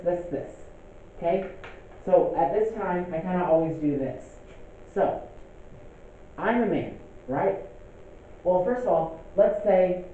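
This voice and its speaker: This young male teacher has a warm voice, somewhat high for a man, and lectures his class casually, pausing often to ask "okay?". The sound is tinny and phone-like, echoing heavily in the room over a faint hiss.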